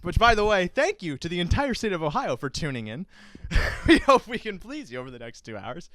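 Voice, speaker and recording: A man's voice: high voice, sing-song, fairly quick, fairly bright tone, dry recording. A young man hosting a racing podcast, bantering theatrically and mocking himself. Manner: theatrical, self-mocking, swings into silly voices. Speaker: host.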